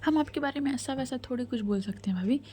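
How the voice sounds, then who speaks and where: A woman's voice: high-pitched, fast talker, dark tone, a little hiss or hum, voice pushed up, close to an everyday voice. A woman whispering the lines of a mischievous young woman who teases her friends, in a whispered role-play. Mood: teasing. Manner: teasing, cheeky.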